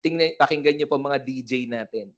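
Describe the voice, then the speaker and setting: A man's voice: medium pitch, a little fast, dull audio. A man with a Filipino accent giving a seminar on event hosting into a handheld mic, mixing languages, with many tag questions and live demonstrations of voice technique. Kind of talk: Taglish lecture. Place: seminar room with live audience. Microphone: handheld microphone.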